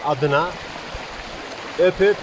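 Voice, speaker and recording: A man's voice: on the high side, slow pace, a loud crowd, low-quality recording. A cheerful young man speaking outdoors on a stream bank, heard from a few steps away through the camera filming him. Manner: cheerful, affectionate toward the fish he releases. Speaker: fishing companion. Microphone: camera held by the other man, some distance away. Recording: outdoor camera audio with loud stream noise.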